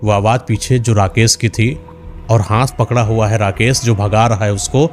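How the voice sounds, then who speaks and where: A man's voice: lowish voice, steady tone, moderate pace. A man narrating a horror story in a dramatic, suspenseful way. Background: background music.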